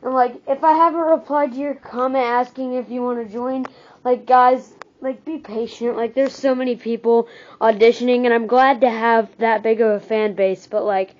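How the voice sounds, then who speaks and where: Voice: mid-range voice, steady tone, normal speed. A YouTube creator giving a casual, rambling channel update through a voice changer app filter. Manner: rambling, full of "um" and "like". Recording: dull lo-fi phone app recording.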